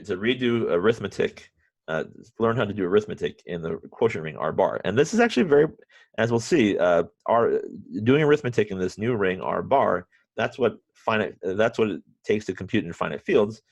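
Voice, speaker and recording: A man teaching a university math class remotely, halting often with restarts and fillers, and dropping wry, self-mocking asides. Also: fairly low pitch, lively intonation, vocal fry, no echo. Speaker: math professor.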